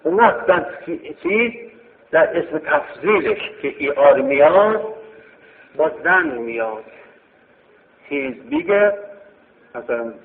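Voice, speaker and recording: A man's voice: fairly high pitch, expressive. A man teaching a grammar lesson, explaining step by step and repeating key phrases. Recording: tinny phone-like sound in a reverberant hall.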